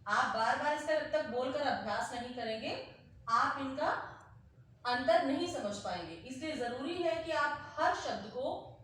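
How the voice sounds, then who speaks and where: A woman teacher explaining a grammar lesson slowly, repeating example words aloud to demonstrate. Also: high voice, expressive, fairly bright tone, slight background noise. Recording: very echoey room, heard from a distance.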